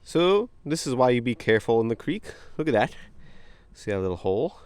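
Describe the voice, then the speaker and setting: An American man in his thirties giving casual, excitable and playful commentary to a handheld camera as he hunts for treasure outdoors. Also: medium pitch, quick pace, smooth, dry recording. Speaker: treasure-hunting vlogger. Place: outdoors along a wooded creek. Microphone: camera held at arm's length.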